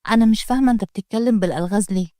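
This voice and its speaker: A woman's voice: mid-range voice, very fast, dark tone, dry recording, studio quality, close to an everyday voice. A woman voicing a spirited young working woman with an Egyptian accent, questioning indignantly in a story reading. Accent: Egyptian Arabic. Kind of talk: storytelling read-aloud.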